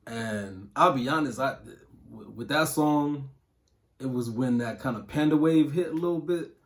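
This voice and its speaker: A thirty-something music producer from Toledo, Ohio, speaks in a mid-range voice at a normal pace. He handles interview questions in a relaxed, slangy way peppered with fillers.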